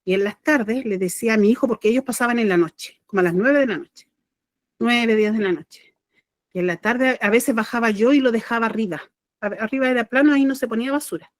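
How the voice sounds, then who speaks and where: A woman's voice: on the high side, fairly quick, no room sound, clean studio sound. A middle-aged woman with a Chilean accent, a spiritual channeler telling a personal story in a rambling, self-correcting, heartfelt way. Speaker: spiritual channeler and podcast host.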